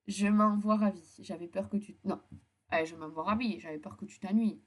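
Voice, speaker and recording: A woman co-hosting a dating game playthrough, reading character dialogue aloud and chatting casually in an excitable, slangy way. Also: medium pitch, moderate pace. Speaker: co-host playing a dating game.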